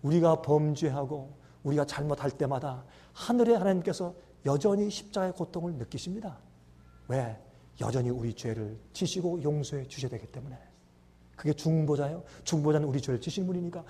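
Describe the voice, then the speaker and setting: A man preaching a sermon with lots of energy, acting out voices and swinging between loud and hushed speech. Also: fairly high pitch, expressive, fairly quick, slightly rough. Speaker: pastor.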